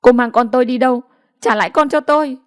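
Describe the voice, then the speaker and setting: Vai: một phụ nữ đọc người vợ trẻ tuyệt vọng van xin, giọng cao vút. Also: female voice, on the high side, steady tone, normal speed, a little mellow, no echo, studio quality, lightly acted. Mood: pleading. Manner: desperate and pleading. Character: battered young wife pleading for her child.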